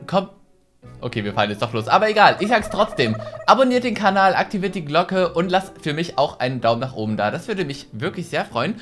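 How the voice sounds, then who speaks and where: A young adult man, a gaming YouTuber and host, gives chatty, casual let's play commentary into a headset mic, thinking aloud. His voice is a little high and a bit bright. He's indoors in a small decorated gaming room, with game music in the background.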